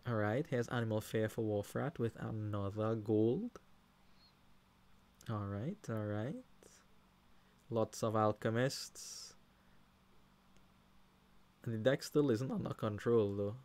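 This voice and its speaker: This Trinidadian-accented man has a lowish voice and speaks slowly, leaving long pauses as he commentates a card game live. He's animated nonetheless, addressing the players and hollering at big plays.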